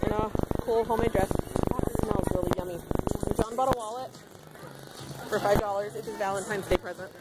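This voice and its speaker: A woman in her thirties, filming a casual vlog on a handheld camera, chatty and excitable with frequent giggles. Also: mid-range voice. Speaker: vlogger. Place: outdoor swap meet, then casino buffet. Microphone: handheld camera at arm's length. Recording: noisy crowded outdoor recording. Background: loud crowd and outdoor noise.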